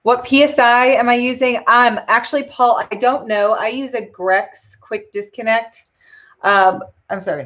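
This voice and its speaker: A woman hosting a live painting tutorial, thinking aloud in a relaxed, chatty way with frequent ums and answering viewer questions. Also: on the high side, lo-fi sound. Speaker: custom lure painter hosting a live stream.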